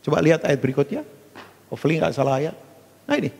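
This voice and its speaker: A male pastor preaching a sermon, animated and acting out stories with big jumps in pitch. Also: quick pace, gravelly, husky. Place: church hall. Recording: long hall reverb.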